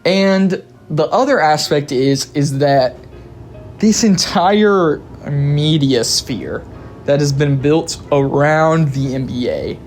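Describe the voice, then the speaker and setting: A man's voice: fairly high pitch, darkish tone. Candid, profane male video commentator. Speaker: video reviewer. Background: faint background music.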